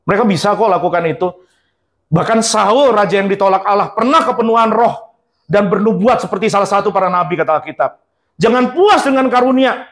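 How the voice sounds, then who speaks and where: A man's voice: high-pitched, brisk, fairly bright tone. A male pastor preaching a sermon, emphatic and repetitive, mixing in English phrases and acting out quotes.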